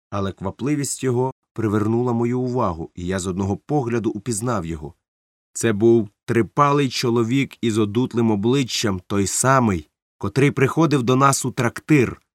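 A man narrates an adventure story in a steady, measured reading voice of middle pitch. The recording is dry, with no room sound. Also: no room sound.

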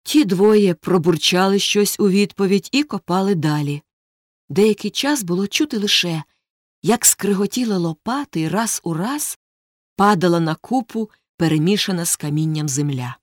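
Female audiobook narrator, steady and suspenseful, dry close sound. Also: on the low side, dry recording. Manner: measured, suspenseful reading. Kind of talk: scripted story narration.

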